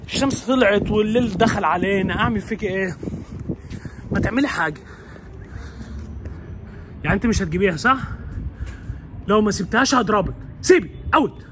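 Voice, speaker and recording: Fast-talking Egyptian man, noisy outdoors. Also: high-pitched. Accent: Egyptian Arabic. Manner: exasperated, pleading and scolding. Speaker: dog vlogger. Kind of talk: casual vlog, chasing his dog.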